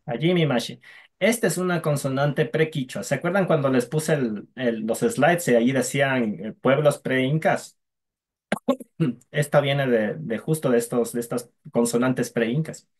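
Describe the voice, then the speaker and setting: A man's voice: mid-range voice, a little slow, husky. A man teaching a language class online, patiently drilling sounds for students to repeat.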